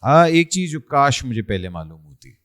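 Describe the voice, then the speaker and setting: A man's voice: medium pitch, sing-song, normal speed, fairly bright tone. A middle-aged man with a Pakistani Urdu accent hosting a podcast interview, friendly and teasing, mixing English into his questions. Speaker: podcast host. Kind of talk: casual interview chat.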